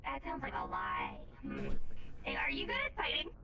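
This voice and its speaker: A woman's voice: a bass voice, big pitch swings, normal speed, creaky. A woman roleplaying a restaurant owner, playful and teasing. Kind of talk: casual in-character roleplay chat. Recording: roomy, distant, music over it.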